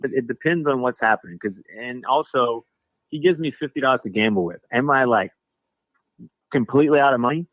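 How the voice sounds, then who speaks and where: A man's voice: medium pitch, fairly quick, fairly bright tone, no echo, lo-fi sound. A man co-hosting a casual podcast, rambling and often restarting his sentences. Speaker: podcast co-host. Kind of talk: casual chat.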